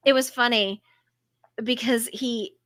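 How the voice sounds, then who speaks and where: A woman co-hosting a podcast, telling stories in an animated, chatty way and swearing freely. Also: a little high, slow, no room sound, studio quality. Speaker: podcast co-host. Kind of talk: casual chat.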